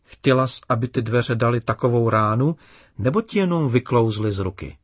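A man voicing a kind, patient father in a children's story, calm and explaining. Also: medium pitch, husky, no room sound, natural voice.

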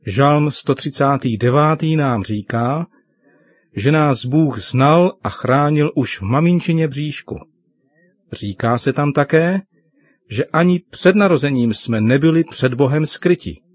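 Calm man reading a children's story. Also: a little high. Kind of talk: scripted narration for children.

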